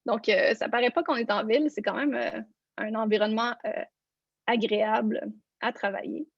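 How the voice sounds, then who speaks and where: Gravelly woman presenting slides. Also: a little high, fairly even intonation, moderate pace, dry recording. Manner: explanatory, walks listeners through slides. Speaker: neuroscience researcher giving a lecture. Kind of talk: online lecture presentation. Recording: dull, lo-fi online conference audio.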